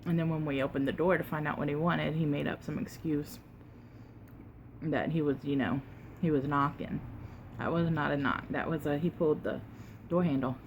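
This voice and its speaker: A woman tells a casual, unhurried story while eating, pausing to chew and sometimes talking with her mouth full, with emphatic retelling. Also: low voice, steady tone, a little hiss or hum. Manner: unhurried, conversational, emphatic retelling with quoted exchanges. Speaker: mukbang vlogger.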